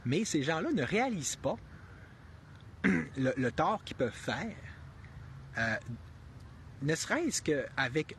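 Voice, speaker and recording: A live streamer with a Québécois French accent gives unscripted commentary, rambling and thinking aloud with many restarts and fillers, earnest and prone to emphatic rhetorical questions. His voice is a little high, sing-song and fairly bright, and he takes it slowly with frequent pauses. There's slight background noise.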